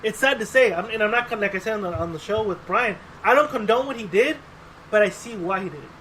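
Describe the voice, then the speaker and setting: A man with a high-pitched voice talks fast as a podcast co-host, casually chatting and rambling with plenty of profanity. He tells animated stories, acting out the quotes. The audio is poor, with slight background noise.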